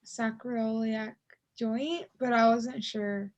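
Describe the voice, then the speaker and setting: A female student on a video call, hesitant and soft, answering questions unsure of herself. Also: fairly high pitch, fairly even intonation, takes it slowly, dull audio.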